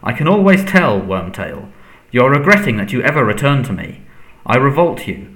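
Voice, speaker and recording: A man voicing a frail, menacing dark lord in a storybook, soft, breathy and hissing, commanding and contemptuous. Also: mid-range voice, expressive, a little fast, natural voice, rough recording. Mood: contemptuous, angry.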